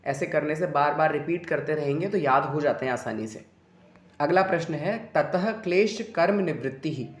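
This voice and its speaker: A man's voice: a little high, echoey room. A man teaching an exam answer-key lesson, chanting Sanskrit sutras in a recitation cadence and urging students in a coaxing teacher's tone. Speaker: yoga exam tutor.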